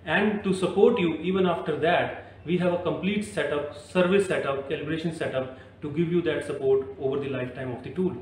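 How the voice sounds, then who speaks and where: A man with an Indian English accent makes a persuasive product pitch on a construction site. His voice is a little high. The sound is very echoey and picked up from a distance, with faint noise behind. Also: brisk, few pauses. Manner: persuasive, keeps recommending. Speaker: product presenter. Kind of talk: on-site product demo chat. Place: construction site, then service center.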